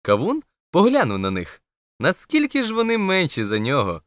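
A storyteller narrating a children's storybook in an expressive, gently paced reading. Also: medium pitch, moderate pace, dry recording.

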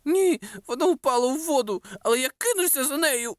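A woman's voice: high voice, animated, fairly quick, no room sound, studio quality, pitched above the performer's own voice. A woman voicing a young male wolf postman in a children's storybook, earnest and tearful as he explains himself. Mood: upset. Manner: upset, explaining.

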